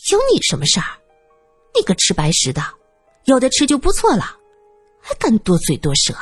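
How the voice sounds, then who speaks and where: A woman's voice: very animated, a little slow, slightly rough, no room sound, soft background music, exaggerated voice. A woman voicing a spoiled, mocking young woman. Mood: sneering, shrill. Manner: wheedling, mocking and shrill.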